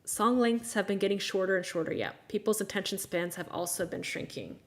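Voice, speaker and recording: This American woman in her thirties hosts a casual live chat on a livestream, speaking frankly and tossing in exasperated, sarcastic asides. Her voice sits in the mid-range, a bit fast and creaky.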